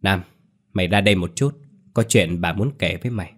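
Man reading as a grave old grandmother, firm and caring, deep voice. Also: fairly quick. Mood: stern.

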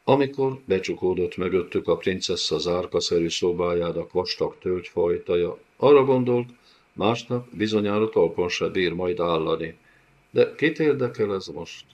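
A man narrating a fantasy audiobook in a measured storytelling manner. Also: deep voice, highs cut off. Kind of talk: scripted narration.

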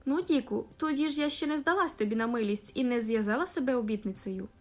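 A woman reading an audiobook voices Fancy, an eager young bride who exclaims excitedly. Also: on the high side, fast, faint music behind, lightly acted.

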